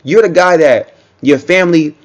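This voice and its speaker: A man with a slightly high voice gives casual reaction commentary at a moderate pace. He's conversational and loose, repeats himself, and keeps checking in with the listener, often saying "you know what I'm saying."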